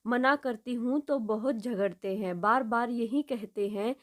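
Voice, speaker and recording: A woman storyteller voicing an unhappy young married daughter who speaks quietly and with restrained pain. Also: on the high side, a little slow, close to an everyday voice. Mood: sad.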